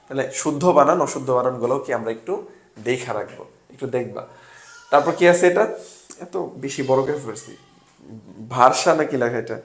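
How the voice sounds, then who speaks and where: A man's voice: medium pitch, brisk, long pauses, echoey room. A young man from Bangladesh tutoring an admission test class in a casual way. He asks questions and answers them himself, and he drops English words into his talk. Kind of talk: casual online exam-solving class.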